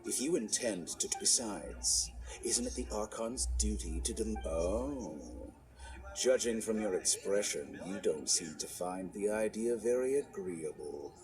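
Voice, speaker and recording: In a video game cutscene, an actor voices an arrogant, scheming male scholar villain who sounds smug and calculating. His lowish voice has lively intonation and a slightly slow pace, delivered in a smooth, mocking, theatrical way with sudden shouting outbursts, over game score music.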